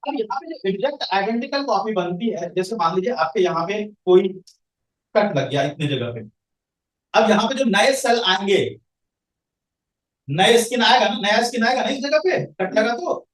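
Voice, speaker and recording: A man's voice: high voice, lively intonation, moderate pace. A male science teacher lecturing a classroom, quizzing students and answering his own questions. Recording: echoey room, voice from far off the mic.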